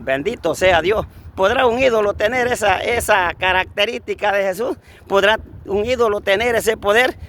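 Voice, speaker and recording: A man with a high voice preaches a fervent sermon outdoors. He keeps repeating blessings and addresses his listeners as brothers. Faint street and traffic noise sits behind him. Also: fairly bright tone.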